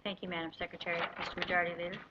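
A woman's voice: fairly low pitch, little pitch movement, very fast. An American woman presiding over a legislative session, giving formal procedural directions to the chamber. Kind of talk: parliamentary procedure. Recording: dull lo-fi chamber recording, faint noise.

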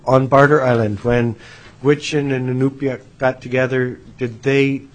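During a formal hearing, a legislator from the United States questions a witness, stumbling into restarts and repeated words. He speaks in a mid-range, level, unhurried voice, and the recording is rough.

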